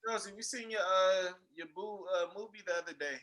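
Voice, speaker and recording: High, bright-voiced teasing man. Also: a little fast. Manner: teasing, jokey banter. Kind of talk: casual group chat.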